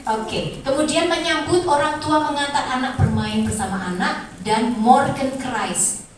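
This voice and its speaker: A middle-aged woman gives a lively lecture, slipping into acted-out voices as she tells her stories. Her voice sits high. She is recorded from some distance in a strongly echoing hall with a faint hiss behind her. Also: measured pace. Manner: animated storytelling, acts out voices, laughs often. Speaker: kindergarten teacher giving a talk. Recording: echoey room, voice from far off.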